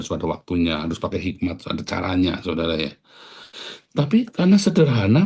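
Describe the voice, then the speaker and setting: A man preaching a sermon as pastor, animated, with loud bursts and quiet asides and casual slang mixed in. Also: medium pitch, slightly rough.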